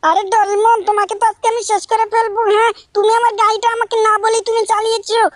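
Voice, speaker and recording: A woman voicing a bratty, hot-tempered little cartoon boy in a game role-play, shouting threats and whining. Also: extremely high pitch, flat delivery, quick pace, no room sound, studio quality. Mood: angry.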